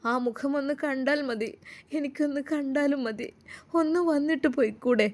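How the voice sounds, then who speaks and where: A woman voicing a young woman lawyer who speaks low and quiet through tears. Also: normal speed, natural voice. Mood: tearful. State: crying.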